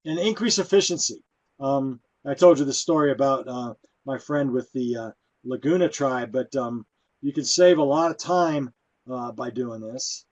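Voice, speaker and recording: A man presenting at a conference, talking in a relaxed, conversational way with many fillers. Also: mid-range voice, normal speed. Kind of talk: conference talk.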